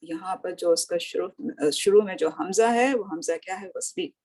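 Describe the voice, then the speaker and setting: Slow, patient woman teaching grammar. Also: on the low side, darkish tone. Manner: asks questions and answers them herself; slow, patient, drawn-out recitation of words. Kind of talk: recorded lesson, explaining line by line.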